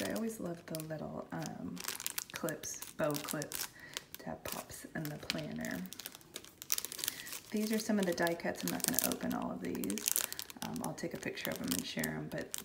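Low, gravelly woman unboxing planner goodies. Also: noisy background. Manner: chatty, enthusiastic, soft-spoken at times. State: raspy from smoky air. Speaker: planner vlogger. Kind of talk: casual product unboxing. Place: home, while her son is in an online class.

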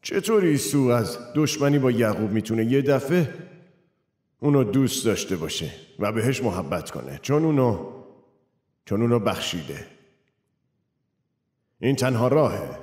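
A man's voice: medium pitch, very animated, long pauses, darkish tone, close to an everyday voice. A man voicing a preacher, delivering a sermon in an earnest, conversational way and asking the audience questions. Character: earnest middle-aged male preacher. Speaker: pastor. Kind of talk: dubbed sermon. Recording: echoey hall with faint music.

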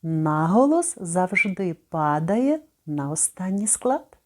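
A middle-aged woman giving a spoken lesson. She pronounces words slowly and carefully, and she repeats each one so listeners can copy her. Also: lowish voice, big pitch swings. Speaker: French pronunciation teacher.

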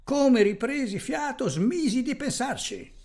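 A man voicing a tough, wry old partisan in a theatrical reading, telling his story with lively exclamations. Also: very high voice, measured pace, heavily acted. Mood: recounting. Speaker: reader voicing a character.

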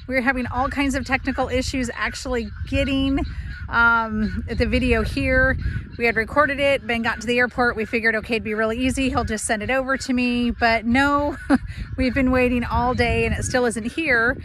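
A homestead vlogger on a grassy farm gives a casual update to her phone, held at arm's length, full of ums and restarts. Her voice is on the high side, steady, fairly bright, and at normal speed. The low-quality recording carries a little hiss or hum.

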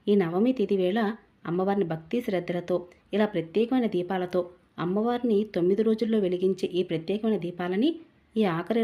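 A woman gives devotional instruction in an earnest, courteous teaching manner. Her voice is mellow and dark-toned, at a middle pitch. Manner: earnest, instructive, addresses viewers politely. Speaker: devotional channel host.

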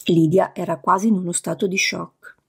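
A woman reading a novel aloud in a steady storytelling manner. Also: on the low side, normal speed, vocal fry, breathy edge. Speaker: audiobook narrator. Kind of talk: scripted narration.

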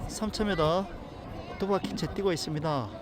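A man giving casual live commentary on a race at an outdoor track while filming it, often shouting encouragement to the runners. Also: high voice, normal speed, crowd noise. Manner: excited, cheering and shouting encouragement. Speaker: amateur running club member filming a race. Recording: outdoor noise from a stadium track.

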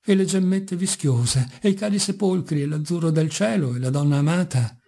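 A man's voice: on the high side, moderate pace, gravelly, dark tone. A man voicing a mocking, brooding young intellectual in an audiobook, speaking with bitter irony. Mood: ironic. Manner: ironic, bitter, sometimes passionate.

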